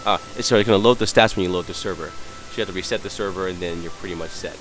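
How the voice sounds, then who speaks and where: A hungover, sick man giving an unscripted software tutorial, hesitant and apologetic as he searches around. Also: low voice, very fast, music in the background, poor audio. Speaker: tutorial presenter.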